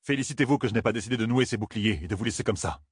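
A man's voice: on the low side, rapid-fire, breathy edge, no room sound, clean studio sound, pitched above the performer's own voice. A man voicing a stern, burdened young man in an audiobook, speaking in a commanding, clipped way. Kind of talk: audiobook character voice.

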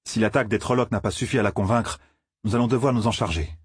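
A determined young lad speaks in a hurried, insistent run, as a man reads him. The voice stays low and husky, dry in the mic. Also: no room sound.

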